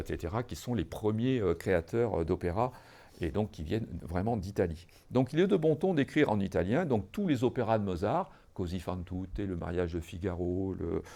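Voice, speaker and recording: Gravelly, lively-voiced male lecturer. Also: low-pitched. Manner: hesitant, many fillers and restarts while explaining; addresses listeners directly, teacherly. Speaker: music history lecturer. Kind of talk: educational podcast lecture.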